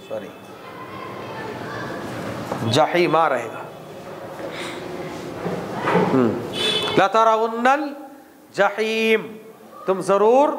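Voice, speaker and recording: Indian-accented guy teaching quran class, high voice, slow, faint hum behind. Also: in a large hall. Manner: slow, explaining Arabic words with repetition. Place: mosque hall.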